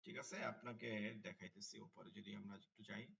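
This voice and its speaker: A man's voice: on the low side, level tone, brisk, creaky, a bit bright, distant mic, dull audio. A man teaching an online tajweed class, repeating key terms and asking his students questions. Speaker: Quran teacher.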